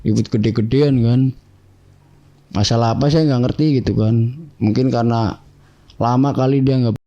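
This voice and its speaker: A man telling his life story to an interviewer in a casual, animated way, acting out the dialogue of the people in it. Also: medium pitch, normal speed, lo-fi sound. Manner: animated, acts out quoted dialogue in other voices; keeps addressing the listener as "bang".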